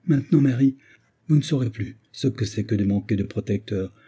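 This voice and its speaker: A man reading the part of an earnest young husband, soothing and gentle. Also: on the low side, brisk, slightly rough.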